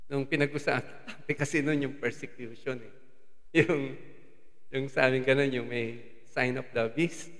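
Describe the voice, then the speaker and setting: A man's voice: mid-range voice, fairly even intonation, unhurried, fairly bright tone. A man with a Filipino accent preaching a sermon as a lay preacher, slipping English phrases into his Tagalog. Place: church hall. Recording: long hall reverb.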